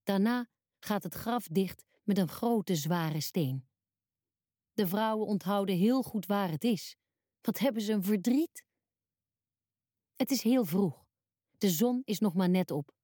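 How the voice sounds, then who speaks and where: A woman narrating a scripted children's Bible story, telling it calmly, clearly and simply. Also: medium pitch, takes it slowly, long pauses, no room sound, clean studio sound.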